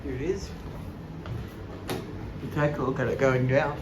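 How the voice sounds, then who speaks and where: A man's voice: mid-range voice, steady tone, unhurried. A man giving a casual narrated tour in short, simple observational remarks. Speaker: lift enthusiast filming and commenting. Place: train station and inside lifts. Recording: noisy handheld recording with station and lift noise.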